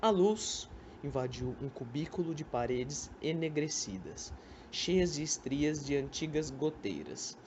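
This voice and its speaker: For an amateur radio drama, a young Brazilian-accented man narrates a literary script in a slightly high, darkish voice with lively intonation and an unhurried pace. Background noise is audible in this amateur recording.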